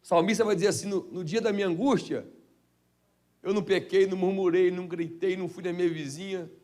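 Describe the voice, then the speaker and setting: Fervent high-voiced Brazilian pastor preaching. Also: male voice, steady tone, fast talker. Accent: Brazilian Portuguese, Minas Gerais. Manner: fervent preaching, swings from shouted exclamations to hushed low asides. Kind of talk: Pentecostal sermon. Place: church.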